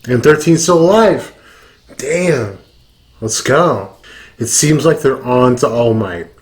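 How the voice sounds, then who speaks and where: Slow-talking drunk man reacting casually. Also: medium pitch, lively intonation. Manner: heavy swearing and slang. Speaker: YouTube reaction host.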